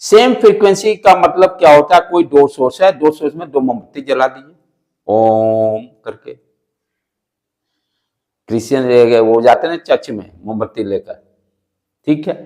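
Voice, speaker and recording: With a mid-range voice and a moderate pace broken by long pauses, an Indian-accented physics teacher lectures loudly. He poses questions, repeats the main phrases and switches into English at times.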